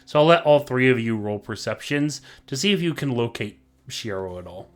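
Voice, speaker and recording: A man's voice: medium pitch, animated, normal speed. A man as game master narrating a tabletop game casually, hesitant and full of fillers.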